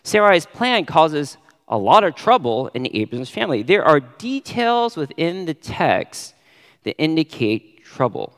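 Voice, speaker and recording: Expressive man preaching in a reverberant hall. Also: a little high, a little slow. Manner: expressive, stresses key words with sudden rises. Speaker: pastor. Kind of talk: sermon.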